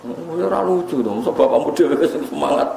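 Javanese-accented preacher in an echoey room. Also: male voice, a little high, lively intonation, a little fast, gravelly, crowd noise. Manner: mixes joking asides with Arabic recitation. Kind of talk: humorous religious lecture.

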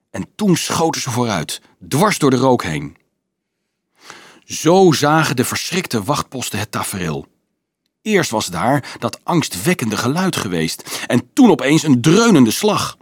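A man reads an adventure story aloud in a dramatic, expressive storytelling manner. His husky voice swings widely in pitch, and the sound is dry and close with no room echo. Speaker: narrator. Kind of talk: audiobook narration.

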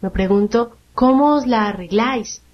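A woman gives voice to a polite, wondering young girl named Alice. The voice is gentle and fairly high, and it comes through a dull lo-fi radio sound. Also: moderate pace, natural voice. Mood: curious. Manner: polite, curious, mild.

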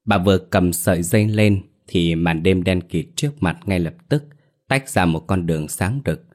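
Deep-voiced male storyteller. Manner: steady measured reading. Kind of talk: dramatic story narration. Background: faint music.

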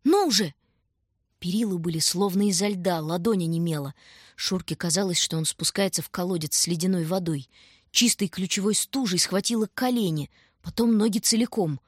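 A woman narrating an audiobook with expressive storytelling. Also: fairly low pitch, brisk, husky, no echo, studio quality.

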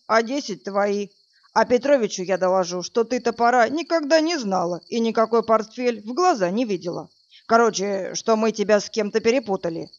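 A woman's voice: medium pitch, highs cut off, natural voice. A woman voicing a brutish, drunk male thug who snarls coarse threats, in a read-aloud crime story. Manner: menacing, loud, snarling threats.

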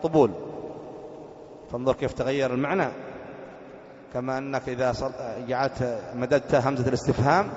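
A sheikh teaching a classroom lesson on Islamic jurisprudence, explaining slowly, repeating phrases and asking his students questions. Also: medium pitch, fairly even intonation, a little mellow. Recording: dull echoey hall recording.

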